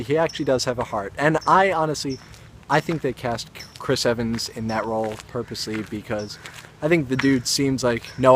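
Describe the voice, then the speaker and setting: A man's voice: mid-range voice, a little hiss or hum. Rambling young man telling a vlog story. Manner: rambling, self-aware asides. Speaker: actor and vlogger.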